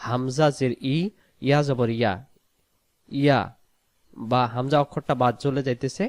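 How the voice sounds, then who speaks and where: A man teaching Quran pronunciation, quickly spelling out letters and vowels, then reciting the words slowly and drawn out. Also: medium pitch, fairly even intonation, a little mellow, no echo. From Bangladesh. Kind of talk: pronunciation lesson.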